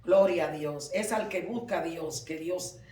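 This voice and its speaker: A man's voice: a little high, unhurried. Guy preaching hard, emphatic sermon, echoey church, mic kinda far off. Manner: emphatic, fervent preaching that swells to shouts.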